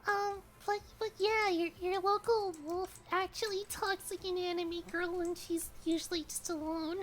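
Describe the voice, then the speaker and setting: Very high-pitched cute anime girl streamer. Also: steady tone, unhurried. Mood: embarrassed, apologetic. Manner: cute anime streamer, squeaky-sweet and bashfully apologetic. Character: shy, cutesy little anime girl streamer. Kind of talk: casual livestream chat while gaming.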